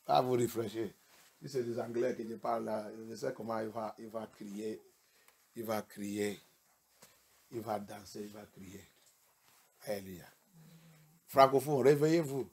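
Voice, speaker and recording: Here the pastor speaks lowish, with fairly even intonation, a moderate pace, and some vocal fry. His sermon alternates between English and French, full of rhetorical questions aimed at the congregation, and it climbs into shouts.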